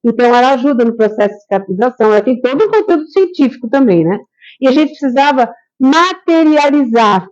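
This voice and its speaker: A woman's voice: on the high side, darkish tone. A woman giving a conversational, story-filled lecture to a spiritist group, asking the audience questions as she goes. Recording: dull lo-fi recording.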